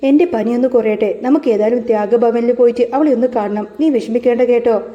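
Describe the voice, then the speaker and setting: A woman voicing a gentle, feverish young woman who talks softly and soothingly. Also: fairly high pitch, fairly quick, dull audio, close to an everyday voice. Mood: gentle, reassuring.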